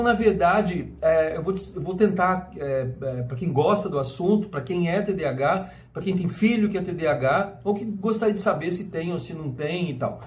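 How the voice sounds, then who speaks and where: A man from Brazil speaks in a high-pitched voice. He talks in a casual personal monologue. He stumbles through restarts and keeps tacking on little questions as he goes. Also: darkish tone. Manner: rambling, full of restarts and tag questions. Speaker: vlogger.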